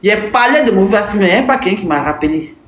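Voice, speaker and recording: A woman's voice: medium pitch, expressive, fast, a little hiss or hum. A woman, a little tipsy, chatting to her live-stream viewers in a teasing, rambling way and breaking into giggles. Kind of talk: casual live-stream chat addressing viewers. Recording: roomy with faint background ambience.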